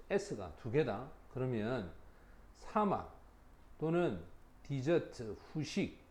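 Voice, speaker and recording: Middle-aged guy teaching english vocab, slow and lively, reads example lines real slow. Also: fairly high pitch. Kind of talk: vocabulary lecture.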